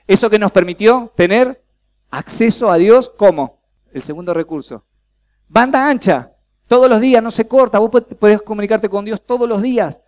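Man, Rioplatense Spanish accent, high voice, preaching to young people, asks the crowd questions. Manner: lively, asks the crowd questions and acts out little dialogues. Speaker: workshop speaker at a church youth congress. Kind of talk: preaching a youth workshop.

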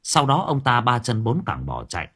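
A man's voice: medium pitch, wildly swooping pitch, moderate pace, pushed and bright, slightly rough. A man narrating an audiobook story expressively. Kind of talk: scripted narration.

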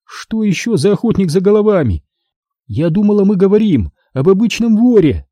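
A sardonic young woman, quick to anger and dry in her humor, voiced by a male narrator. The voice is lifted well above his own and swings widely in pitch. It sounds close and dry. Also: big pitch swings, mellow, no room sound. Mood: sullen. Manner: indignant, sardonic. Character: sharp-tongued young woman, café owner's daughter. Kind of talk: audiobook reading.

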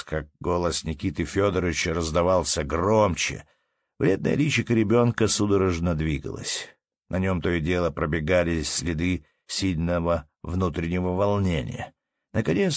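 A man narrating a classic story as an audiobook reader in a steady, measured way. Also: deep voice, dry recording, studio quality. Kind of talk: literary narration.

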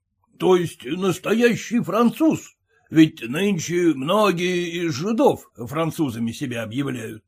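A man voicing a domineering, boastful middle-aged merchant who speaks with deliberate gruffness. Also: on the high side, lively intonation, a little mellow, full character voice.

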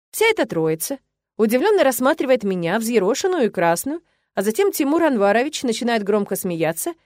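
A woman narrating a novel in the first person, lively and emotional, as if voicing her own inner thoughts. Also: on the high side, no echo, clean studio sound. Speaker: audiobook narrator.

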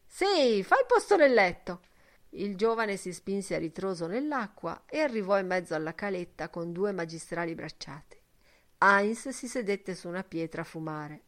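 A woman narrating a literary audiobook in a measured, expressive reading. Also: lowish voice. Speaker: audiobook reader.

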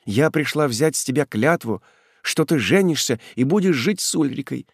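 A man's voice: mid-range voice, lively intonation, normal speed, gravelly, slightly rough, pitched above the performer's own voice. A young woman in love, torn between desperation and devotion, put on by a male audiobook reader, pleads in a raised, tearful voice. The sound is dry and close, without room echo. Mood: resolute. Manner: impassioned, pleading, tearful delivery. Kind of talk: audiobook reading.

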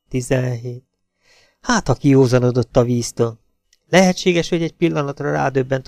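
Gravelly male audiobook narrator. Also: mid-range voice, dry recording, studio quality. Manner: steady, measured storytelling. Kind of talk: scripted narration.

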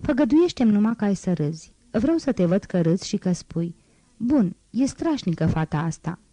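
Woman reading aloud as a poor young street girl, teasing and wistful, mellow voice, dry close sound. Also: medium pitch, big pitch swings, dry recording. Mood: coaxing. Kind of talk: audiobook reading.

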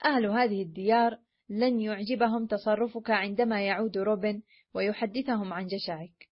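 A cunning male adventurer talks his prey into a trap, sly and insistent, voiced by a woman reading the story aloud. The pitch sits in the middle. The recording sounds dull and lo-fi. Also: steady tone, normal speed, breathy edge, close to an everyday voice. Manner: sly, pressing.

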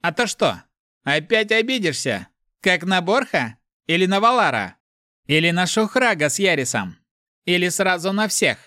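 A man's voice: high-pitched, very animated, normal speed, bright, forceful tone, no echo, studio quality, pitched above the performer's own voice, exaggerated voice. A man voicing a sneering, relentless spirit. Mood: mocking. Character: mocking male spirit voice inside a head.

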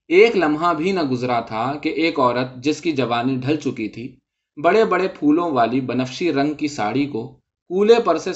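Guy narrating a short story, steady reading, kinda muffled audio. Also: medium pitch. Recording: dull lo-fi recording.

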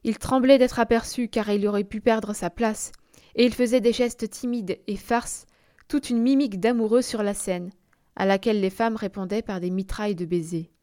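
Woman reading a classic story aloud. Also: mid-range voice. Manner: measured, expressive storytelling. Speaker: audiobook reader. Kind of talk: literary audiobook narration.

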